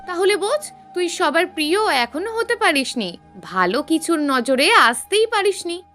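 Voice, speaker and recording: A woman's voice: extremely high pitch, big pitch swings, measured pace, bright, forceful tone, faint music behind, voice pushed up, exaggerated voice. A woman voicing mocking young female college friends who goad and tease. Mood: taunting. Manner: mocking, goading.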